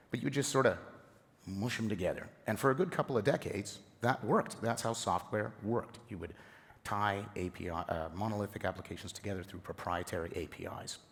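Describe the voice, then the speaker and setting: A hoarse man with a lowish voice gives a lively, joking keynote from a conference stage. His talk is conversational and energetic. The sound carries the long reverb of a big hall. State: hoarse from the flu. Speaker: conference speaker. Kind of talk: keynote presentation.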